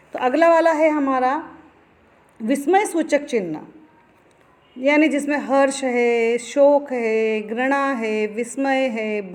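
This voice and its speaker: A woman teaching a grammar lesson to children, slowly explaining each point with examples and checking that they understand. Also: fairly high pitch, a little mellow. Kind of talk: classroom lesson. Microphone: phone voice recorder.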